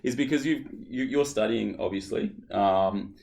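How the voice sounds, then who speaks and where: Australian male podcast host, low-ish voice, halting and chatty, asks the questions. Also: vocal fry, darkish tone. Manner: halting, restarts often while posing questions. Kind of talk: casual podcast chat.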